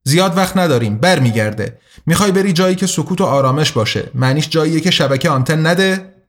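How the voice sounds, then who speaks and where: A man voicing a hurried young male conspirator who talks quickly behind his hand. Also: a little high, expressive, close to an everyday voice. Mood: urgent.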